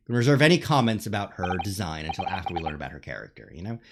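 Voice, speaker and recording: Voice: low voice, sing-song, very fast, noisy background. A streamer giving casual, irreverent and sometimes profane commentary while playing a game.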